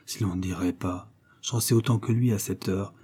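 A man playing a sour, sardonic accountant, muttering low and soft. His voice is dark and husky. He grumbles through each sour aside. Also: fairly even intonation, normal speed. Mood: sour grumbling.

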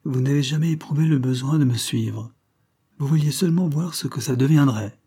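A man's voice: mid-range voice, a little fast, mellow, breathy edge, voice pushed up. A man voicing a wounded, ambitious young man in a storybook reading, heated and reproachful.

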